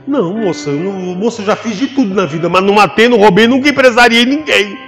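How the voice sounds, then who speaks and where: Brazilian pastor guy giving his testimony, high voice, acts out all the voices, church hall echo with soft music behind. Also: fast talker. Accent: Brazilian Portuguese. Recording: long hall reverb with faint music behind.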